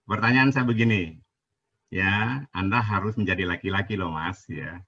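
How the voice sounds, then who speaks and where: A man's voice: sits low, normal speed, sharp tone, husky, no echo, dull audio. A man arguing in a heated live debate over a video call. He is insistent, repeats himself and demands to be heard.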